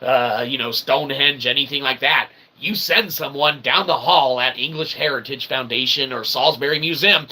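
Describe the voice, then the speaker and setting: A slightly rough, sharp-toned man with a mid-range voice talks at normal speed and barely pauses. As an independent author and channel host, he rants through a rambling, opinionated solo monologue, emphatic and casually profane, peppering it with "okay?" and "right?"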